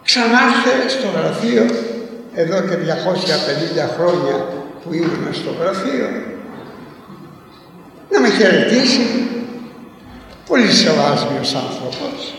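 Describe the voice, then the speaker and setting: A man's voice: high-pitched, creaky, a bit bright. An older man from Corfu giving a sermon, telling stories and stacking up repeated lists of words. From Corfu, Greece. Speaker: preacher. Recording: very echoey hall, voice from far off.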